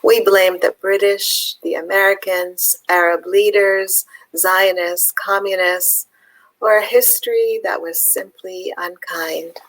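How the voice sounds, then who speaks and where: A woman from Palestine, a poet, talking thoughtfully with pauses and fillers, then reading her own poem aloud. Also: mid-range voice, steady tone, fairly bright tone, low-quality recording. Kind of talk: conversation and poetry reading.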